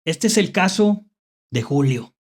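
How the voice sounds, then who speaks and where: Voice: medium pitch, animated, measured pace. A horror story host with a Mexican accent, telling spooky tales unscripted, hesitantly repeating phrases and checking in with rhetorical questions.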